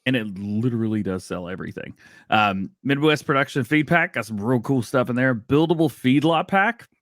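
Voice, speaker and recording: A livestream host with a medium-pitched, fairly bright voice chats casually at a normal pace, laughing often and throwing in playful sound effects. The recording is dry with clean studio sound.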